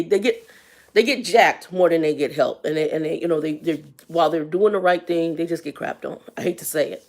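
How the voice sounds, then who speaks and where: A woman's voice: sits low, darkish tone. A woman in her fifties telling a personal story on a casual livestream, candid and colloquial, with faith-based asides. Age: 50s. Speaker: livestream host.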